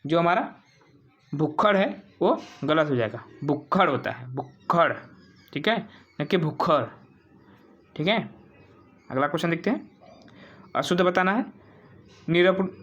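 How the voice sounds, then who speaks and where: A teacher walking through exam spelling questions, asking the viewers and then answering, repeating each word several times. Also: mid-range voice. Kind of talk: exam-prep quiz walkthrough.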